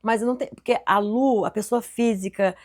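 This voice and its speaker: A Brazilian woman from Goiás, a business owner telling her story as a podcast guest in animated, quick talk with frequent restarts. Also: fairly high pitch. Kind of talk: casual interview chat.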